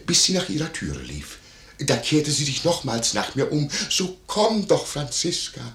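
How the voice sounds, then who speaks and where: An actor playing a nosy, wheedling innkeeper in a 1950s radio play, gossiping in a lively way. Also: male voice, fairly high pitch, unhurried, exaggerated voice. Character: nosy, fawning male innkeeper, middle-aged. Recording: echoey 1950s radio studio.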